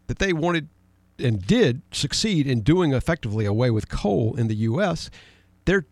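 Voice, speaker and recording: A man's voice: medium pitch, sing-song, normal speed, dry recording. A middle-aged man co-hosting a conversational political talk show, speaking emphatically, reading news headlines aloud and keeping up a running exchange with his co-host.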